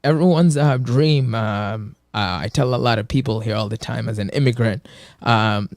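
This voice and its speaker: A man's voice: mid-range voice, moderate pace, dry recording, studio quality. A man in his twenties from Kenya, a personal trainer speaking earnestly as an interview guest, with lots of filler words. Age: 20s. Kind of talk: casual interview.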